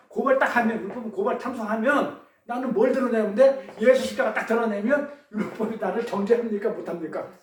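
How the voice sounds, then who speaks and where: High-voiced man preaching, echoey hall. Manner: questions the congregation, call-and-response; tells pun riddles. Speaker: pastor. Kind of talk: sermon. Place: church service. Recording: echoey room, distant mic.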